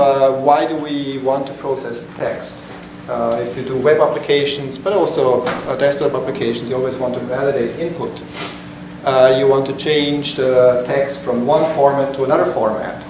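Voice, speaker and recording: A man's voice: medium pitch, distant mic. Middle-aged swiss guy giving a tech talk, lots of uhs, echoey room, mic way off, noisy. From Switzerland. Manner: halting, many fillers and restarts. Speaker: meetup presenter. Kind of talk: technical talk to a small group. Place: conference room, standing by a projector screen. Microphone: far camera.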